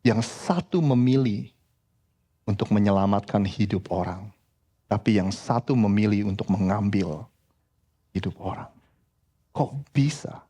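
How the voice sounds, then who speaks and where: A pastor preaching a sermon in church, lively and direct, often addressing the congregation as brothers and sisters. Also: male voice, fairly low pitch, a little slow, long pauses, husky. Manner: animated preaching, frequently addressing the congregation as "saudara".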